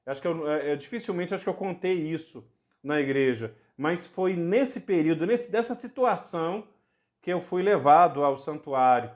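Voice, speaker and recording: A man's voice: a little high, expressive, moderate pace. A middle-aged Brazilian man, a bishop, giving an earnest personal testimony on a church podcast that turns fervent when he tells of miracles. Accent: Brazilian Portuguese. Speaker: bishop, guest.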